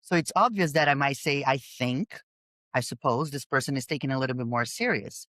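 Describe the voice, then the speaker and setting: Woman, podcast host, emphatic and animated, stumbles and restarts, dead dry sound. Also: a bass voice, a little fast, no echo. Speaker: podcast host and bodybuilding coach. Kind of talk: casual podcast conversation.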